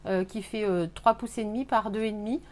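A woman hosting a live scrapbooking workshop, explaining techniques with many pauses and fillers. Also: mid-range voice, steady tone. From France. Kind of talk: live craft demonstration. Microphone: webcam on a live stream.

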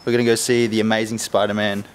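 A man's voice: on the low side, little pitch movement, quick pace, slight background noise. A young man chatting casually and cheerfully in a travel vlog, filming himself at arm's length. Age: young adult. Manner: chatty, upbeat, laughs between remarks. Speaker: vlogger. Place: streets, car and house, in and out of doors. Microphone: camera held at arm's length.

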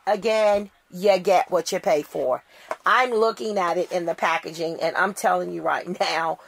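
A middle-aged woman talks casually through an unboxing in a low, gravelly voice. She sounds tired. She gushes and repeats her words for emphasis. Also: moderate pace, a little hiss or hum. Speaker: doll collector vlogger.

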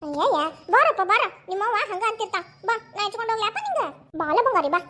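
A fussy cartoon grandmother, voiced by a woman, with a North Karnataka Kannada accent. She talks very high and at a racing clip, scolding and coaxing in turn. Her patter stays busy and quick. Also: big pitch swings, sharp tone, full character voice. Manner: chiding yet coaxing, fast. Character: fussy doting grandmother, mother-in-law. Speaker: cartoon voice actor. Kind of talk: cartoon voice acting.

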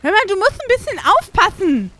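A woman voicing an excitable, clumsy young woman soldier who stammers and cries out in an unscripted game role-play. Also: extremely high pitch, heavily acted. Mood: alarmed. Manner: flustered, stammering, quick to cry out. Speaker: role-play player character.

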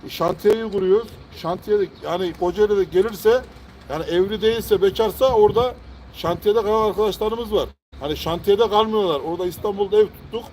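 A man's voice: high voice, a little mellow, a little hiss or hum, poor audio. A man chatting casually and emphatically, often repeating his phrases. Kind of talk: casual chat.

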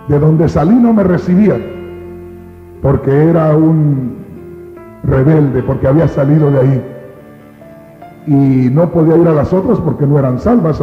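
A man preaching an emotional sermon as a pastor, crying out loud at times and dropping to a hush at others. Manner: impassioned, swings between loud cries and hushed lows. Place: church hall. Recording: echoey hall over a tinny, phone-like line.

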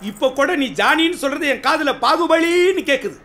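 An actor playing an eager henchman who talks excitedly and shouts to impress his boss. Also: extremely high pitch, fairly quick, heavily acted. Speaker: gang henchman. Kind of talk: film comedy acting. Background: film music.

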